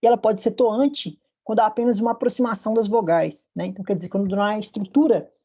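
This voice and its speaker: A man's voice: high-pitched, steady tone, quick pace, dark tone. A man with a Brazilian Portuguese accent giving a recorded university lecture over slides, explaining patiently and often checking in with his students.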